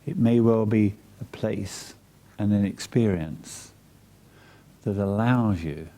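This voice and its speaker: Soft and breathy, a man's voice on the low side guides a meditation. He keeps a soothing, measured delivery and leaves long gaps between phrases.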